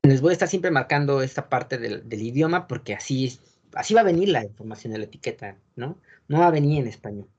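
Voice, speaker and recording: A man teaching an online wine course over a video call, explaining patiently and often checking in with quick tag questions. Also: medium pitch, expressive, a little mellow, muffled recording. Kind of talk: online class lecture.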